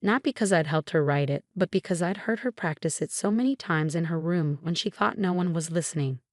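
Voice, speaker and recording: A woman narrating a first-person story in an even, measured way. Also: fairly low pitch, no echo, studio quality.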